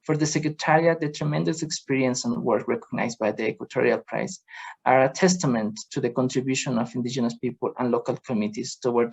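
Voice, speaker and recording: A man giving a formal presentation over a video call, halting with many fillers and restarts. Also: medium pitch, creaky, a little mellow, breathy edge, poor audio. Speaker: presenter from a convention secretariat.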